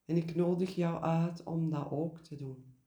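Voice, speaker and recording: A man guiding a meditation in a gentle, deliberate way, pausing and repeating key words. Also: fairly high pitch, steady tone, reverberant. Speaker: meditation guide. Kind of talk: guided meditation, spoken reflection.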